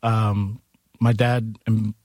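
In a dry, studio-quality recording, a man with a lowish, level, slightly mellow voice talks extremely slowly. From Queens, New York, he owns a bar and music venue and tells stories informally in an interview, acting out quoted dialogue along the way.

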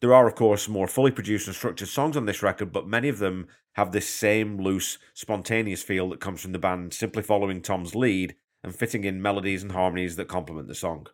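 Sitting low in pitch with fairly even intonation, a Canadian man talks a little fast with few pauses as he hosts his podcast from a hotel room. He uses a portable mic, sounds slightly congested from a cold, and explains things patiently in a chatty, self-deprecating monologue.

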